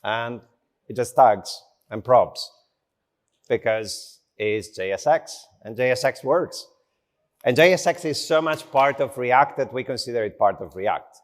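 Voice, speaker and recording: A man with English as his second language stands on a conference stage and gives a conversational tech talk, speaking slowly in brief phrases. He has a mid-range voice and an easygoing, self-mocking style.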